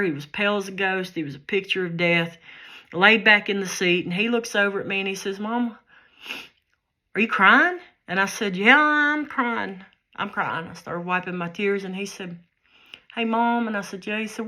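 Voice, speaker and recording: A woman's voice: medium pitch, sharp tone. A woman gives a heartfelt personal faith testimony, earnest and folksy, often repeating and restarting her phrases. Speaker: faith vlogger.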